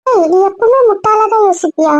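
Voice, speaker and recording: A woman's voice: very high-pitched, animated, a little fast, dry recording, lo-fi sound. A woman voicing a blunt, protective young friend who scolds in a stream of rhetorical questions. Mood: scolding. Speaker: outspoken friend. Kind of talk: Tamil audio drama acting.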